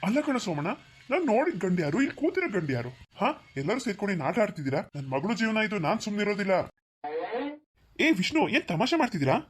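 A woman's voice: mid-range voice, very animated, quick pace, slightly rough. A woman voicing a stern, protective middle-aged father in a cartoon, firm and commanding. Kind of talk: cartoon voice acting.

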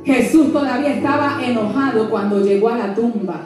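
High-voiced woman preaching in an echoey church. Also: a little fast. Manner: lively, humorous, asks the congregation questions. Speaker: pastor. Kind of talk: sermon. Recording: echoey church from far off, music behind.

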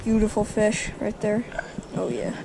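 A man filming himself fishing in a river with an action camera, chatting casually and shouting whenever a fish bites. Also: high-pitched, a little slow, creaky. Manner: excitable, shouts when fish are hooked. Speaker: angler filming a fishing trip. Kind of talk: casual excited chat. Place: outdoors standing in a river. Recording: outdoor camera audio with river noise.

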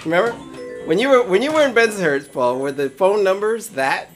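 A man's voice: high voice, lively intonation, fairly quick. Laughing guy streaming pinball over music. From Brooklyn, New York. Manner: joking, laughs often, shouts out viewers. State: a little tipsy from cider. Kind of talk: casual live-stream commentary. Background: faint game music.

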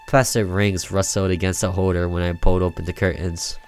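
A young man reads a horror visual novel aloud as a let's player, telling the story theatrically and adding side comments. His voice is deep and his delivery flat and a little fast, with guitar game music playing behind him.

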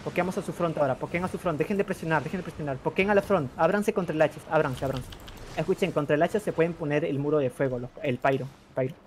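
A man barks quick, repeated battle orders at his group over voice chat. His delivery is fast and clipped. There is faint noise behind him. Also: on the high side. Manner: rapid repetitive commands. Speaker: raid caller.

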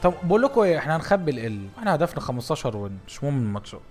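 A young Egyptian man talks fast over his football game, his voice leaping up and down as he teases players and shouts at plays. He sits a little high in pitch, with faint music running underneath. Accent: Egyptian Arabic. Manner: animated, shouting at the game, teasing. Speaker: gaming YouTuber. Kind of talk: excited gameplay commentary.

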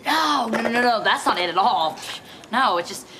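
A woman's voice: on the high side, expressive, noisy background, close to an everyday voice. Actress playing a bubbly teasing teen girl. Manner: bubbly, quick, teasing, often laughing. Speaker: sitcom lead. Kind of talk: sitcom acting. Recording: TV sitcom with laugh track and music. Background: studio audience laughter and music.

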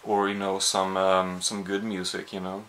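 A young Swedish man with a Swedish accent vlogs casually from his small apartment, holding the camera at arm's length as he rambles and puts himself down. His low voice is completely flat, at a normal speed with a fairly bright tone, and a little hiss or hum sits underneath.

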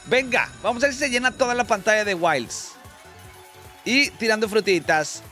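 A man with a Mexican accent giving excitable, slangy commentary on slot machine spins as the channel host. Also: sits high, normal speed, faint music behind. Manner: excitable, slangy, exclaims at wins. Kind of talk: casual gambling commentary.

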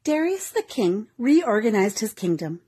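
Husky-voiced woman narrating a story. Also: mid-range voice, a little slow. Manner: clear, even read-aloud storytelling.

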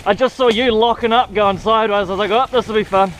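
A man's voice: high voice, fairly even intonation, quick pace, poor audio. A man with a broad New Zealand accent chatting casually and exclaiming in Kiwi slang as he rides a mountain bike outdoors, recorded on an action camera. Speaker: mountain biker filming his ride. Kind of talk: casual chat while riding. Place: outdoors on a forest bike trail. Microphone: action camera on the rider. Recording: windy, rattling action-camera audio.

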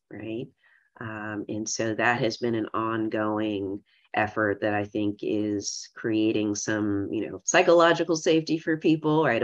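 A woman's voice: a bass voice, highs cut off. A woman executive giving a conference presentation remotely, speaking conversationally and often adding "right?" to her points. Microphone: remote video call audio.

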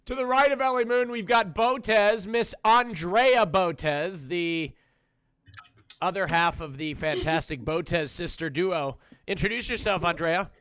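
A man hosting a streamed dating show in a lively emcee manner over a video call. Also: high-pitched, measured pace, clean tone, no echo. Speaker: show host.

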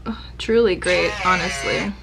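A young woman vlogs casually over loud music, her lowish, gravelly voice moving at a normal pace. She giggles often and keeps making sarcastic jokes at her own expense.

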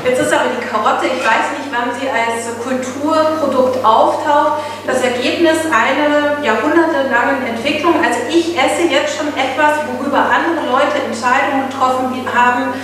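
A woman from Bavaria speaks up from the audience in a chatty, anecdotal way. Her high voice is distant from the mic and heavily echoed by the hall. The murmur of a crowd sits around her. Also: moderate pace, hardly any pauses. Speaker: audience member. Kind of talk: question from the audience. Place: large gallery hall. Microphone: far from the mic.

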